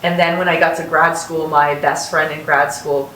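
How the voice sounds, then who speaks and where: A low-voiced woman with a sharp tone speaks at a normal speed, her pitch staying mostly flat. She's a company founder hosting a casual podcast, offering upbeat, encouraging advice to students from an echoey room in a North Las Vegas house. The mic sits at a distance, so the sound is roomy with a faint hiss.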